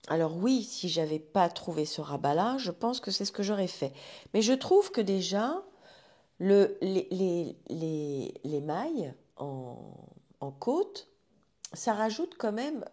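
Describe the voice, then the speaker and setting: A woman's voice: medium pitch, a little mellow. A woman talking casually to her viewers about knitting, chatty and rambling, with frequent restarts. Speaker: knitting vlogger.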